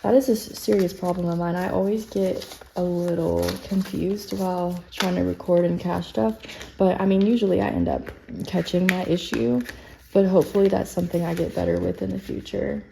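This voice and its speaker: A woman talks through her cash budgeting in a casual, self-deprecating way, a little short of breath. Her voice sits low and mellow with a gravelly edge. Faint paper rustling carries under her words. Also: normal speed, a little hiss or hum, poor audio. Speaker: budgeting vlogger. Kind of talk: casual talk while cash stuffing.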